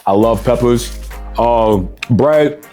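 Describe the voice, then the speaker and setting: A man's voice: medium pitch, slow pace, warm tone, soft background music. A man, chatting casually and boastfully as a cooking contestant tasting food. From New York. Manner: boastful, streetwise, easygoing.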